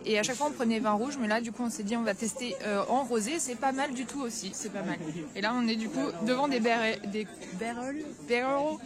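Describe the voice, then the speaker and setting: A woman's voice: a little high, fast, crowd noise. A young woman chatting casually to her viewers while touring a snowy town and tasting market food. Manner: chatty, lots of fillers, addresses viewers directly. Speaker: travel vlogger. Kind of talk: casual travel vlog. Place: outdoors at a snowy castle and Christmas market. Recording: outdoor recording with street noise behind.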